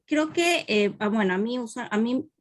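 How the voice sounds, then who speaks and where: A woman's voice: a little high, animated, normal speed. A woman from the Peruvian Amazon asking her teacher a long, rambling question in an online class, with many fillers. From Peruvian Amazon, Iquitos.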